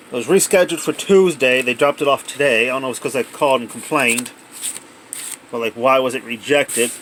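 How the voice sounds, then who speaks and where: Slight background noise and low recording quality mark this amateur unboxing clip, filmed indoors at home on a handheld cell phone. The man narrating has a medium-pitched, somewhat bright voice and talks casually and off the cuff.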